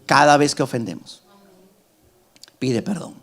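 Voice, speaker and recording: A middle-aged man preaching a sermon as pastor, emphatic, rising to loud climaxes and dropping to soft asides. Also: medium pitch, unhurried, vocal fry.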